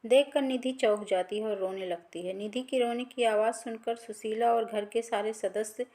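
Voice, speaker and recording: A woman's voice: fairly high pitch, steady tone, normal speed, dark tone. Woman narrating a family story.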